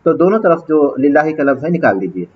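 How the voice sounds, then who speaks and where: A male teacher giving a classroom lecture, explaining grammar step by step, quizzing his students and reciting Arabic passages slowly. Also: on the high side, sing-song, lo-fi sound, slight background noise. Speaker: teacher of an Islamic studies course.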